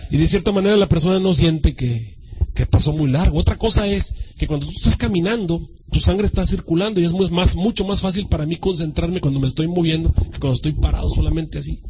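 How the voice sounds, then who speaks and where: A male pastor preaching a sermon, dramatic, swinging from shouts to a hushed voice and mimicking churchgoers. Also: on the high side, fairly quick, a little hiss or hum, low-quality recording.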